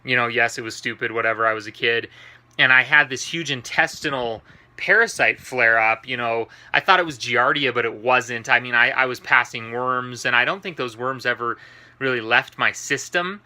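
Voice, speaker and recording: Male vlogger, worn out and under the weather, strikingly sharp bright voice, mid-range pitch, informal chat from inside a compact RV. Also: normal speed. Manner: informal, rambling, earnest. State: tired and unwell. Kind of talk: casual talk to camera, personal health update. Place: inside a parked RV, small enclosed trailer space.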